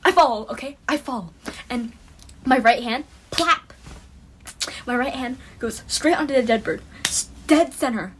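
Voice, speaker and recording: High-voiced woman spinning a dramatic story. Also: normal speed, background noise. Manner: dramatic, emphatic, keeps asking "okay?". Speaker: streamer telling a story. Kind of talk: animated comic storytelling.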